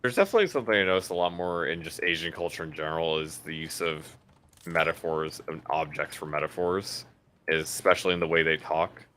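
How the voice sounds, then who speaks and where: A young man chatting with a friend during a video game, explaining his thoughts in an animated, loose way with plenty of fillers. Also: rumbling low, fairly quick. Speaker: co-player. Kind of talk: casual gameplay chat.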